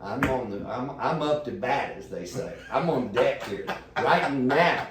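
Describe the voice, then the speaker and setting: A man telling a long, profane story in a rambling, animated way as a podcast guest. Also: mid-range voice, measured pace. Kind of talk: casual storytelling. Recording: echoey room, distant mic, faint noise.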